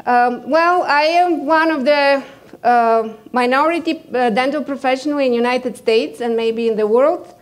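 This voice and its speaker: A Bulgarian woman who is a dentist gives a conference presentation in a high, unhurried voice. She sounds hesitant, uses many fillers, and is losing her voice, repeatedly clearing her throat.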